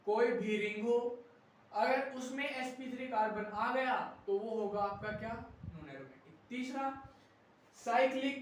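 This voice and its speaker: A male chemistry teacher lecturing a class, firing quick rhetorical questions at students and urging them to copy notes fast. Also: high voice, a little hiss or hum. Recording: very echoey classroom, mic far off.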